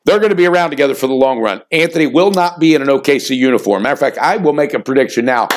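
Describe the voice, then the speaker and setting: A man in his fifties hosting a sports betting picks show, talking in a fired-up, folksy way with loud bursts and low asides. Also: animated, very fast, a little hiss or hum. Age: 50s. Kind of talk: energetic sports picks monologue.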